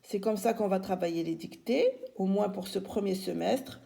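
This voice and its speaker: A woman teacher giving a spelling lesson to young children, slowly sounding out syllables and spelling words letter by letter. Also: mid-range voice, gravelly, mellow. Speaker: primary school teacher.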